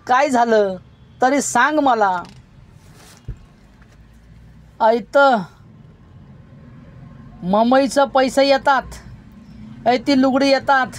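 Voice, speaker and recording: A woman reading a Marathi village story, voicing an angry young man who shouts and scolds. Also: on the high side.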